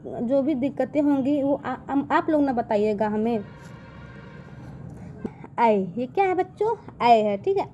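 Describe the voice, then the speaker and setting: Woman teacher, high mellow voice, patient drilling style, quizzes kids, faint background noise. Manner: repeats "ठीक है" and quizzes the viewers. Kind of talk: classroom lesson for children.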